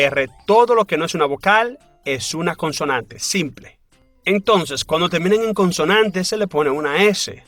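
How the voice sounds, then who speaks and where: Slow, bright-voiced male language teacher. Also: on the high side, no echo. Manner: slow, deliberate explaining with rising questions. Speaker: English teacher. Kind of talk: scripted lesson voice-over.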